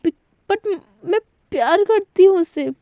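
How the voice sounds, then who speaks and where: A woman's voice: high voice, steady tone, a little slow, dark tone, no echo, lo-fi sound, voice pushed up. A woman voicing a tearful, whining young wife. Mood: tearful complaining. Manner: sobbing complaints, pleading.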